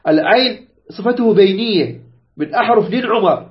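A man's voice: sits high, animated, moderate pace. A man teaching a tajweed lesson, repeating points, quizzing students and stretching out example words. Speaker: Quran recitation teacher. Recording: dull lo-fi recording.

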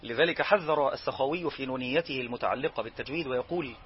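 A man with an Egyptian accent teaching Quran recitation rules, explaining each rule and then chanting slow example verses. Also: medium pitch, lo-fi sound, a little hiss or hum. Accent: Egyptian Arabic. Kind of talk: tajweed lesson.

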